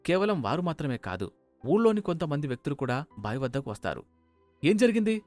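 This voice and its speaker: A man narrating a scripted cartoon moral story in a steady, even manner. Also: mid-range voice, quick pace, no room sound, soft background music.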